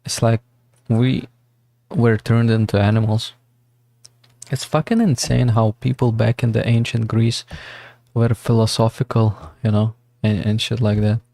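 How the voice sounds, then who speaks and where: Gravelly, dark-voiced man musing aloud. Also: fairly low pitch, steady tone, unhurried, no echo. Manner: rambling, meandering, swears often; thoughtful, philosophical. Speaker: game streamer. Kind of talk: casual livestream musing.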